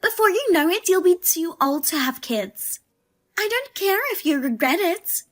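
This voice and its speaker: Woman voicing a high-pitched sister-in-law, pushy, scornful, sharp and demanding, storybook drama. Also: expressive, a little slow, heavily acted.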